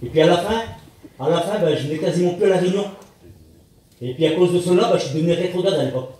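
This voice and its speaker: A man preaching a sermon in a plain-spoken, halting way, often restarting and calling out to the Lord. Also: high-pitched, warm tone. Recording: echoey hall, speaker far from mic.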